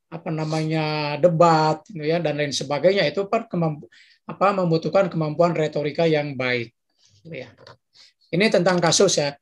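A lecturer speaking in an easygoing, conversational way to the room. The speaker keeps checking in with tag questions and often breaks off to search for a word. The voice sits in a middle pitch. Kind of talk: informal lecture discussion.

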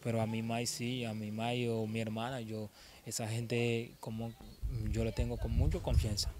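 A young man, telling his own story in an interview, halting and often repeating words as he restarts. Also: mid-range voice, level tone, noisy background.

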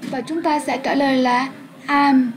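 A woman's voice: sits high, steady tone, a little slow, rough recording. A young woman teaching an English lesson in two languages, patiently explaining to pupils and checking they follow. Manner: patient, addresses pupils warmly and checks understanding.

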